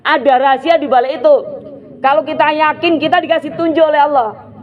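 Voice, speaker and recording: A man's voice: extremely high pitch, steady tone, fairly quick, phone-quality sound. A man giving a casual sermon at a neighborhood gathering, chatting with listeners and laughing often. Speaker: preacher. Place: community gathering room.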